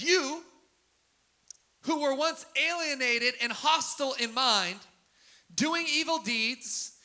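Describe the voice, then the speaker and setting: A man preaching a sermon as pastor, repeating phrases in a steady cadence that swells into emphatic peaks. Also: extremely high pitch. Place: church sanctuary.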